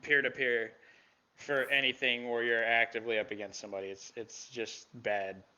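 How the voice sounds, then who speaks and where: A man's voice: medium pitch, level tone, brisk, sharp tone, clear, resonant tone, lo-fi sound. A man on a casual gaming podcast, teasing the others in a dry way. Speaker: podcast panelist.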